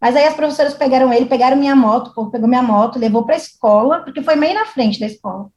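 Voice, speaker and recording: Uma jovem mulher com sotaque brasileiro contando uma história de forma animada, imitando as vozes das pessoas da história. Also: female voice, high voice, fast talker. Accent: Brazilian Portuguese. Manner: animated, acts out quoted voices. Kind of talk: casual storytelling chat. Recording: echoey room.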